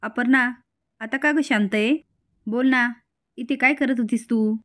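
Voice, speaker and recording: A woman's voice: on the high side, measured pace, natural voice. A woman voicing a jealous young fiancée who accuses and scolds her rival in a retold television serial. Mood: scornful.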